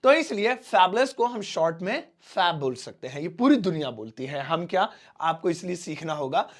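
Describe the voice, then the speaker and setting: A man teaching a spoken English lesson, explaining slowly and repeating each word with everyday examples. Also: high voice, sing-song.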